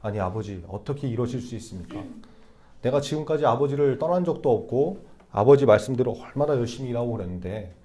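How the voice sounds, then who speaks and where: A man's voice: medium pitch, animated, quick pace, warm tone, close to an everyday voice. A man voicing a resentful grown elder son who complains to his father, as an acted quote inside a sermon. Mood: indignant. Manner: indignant, complaining.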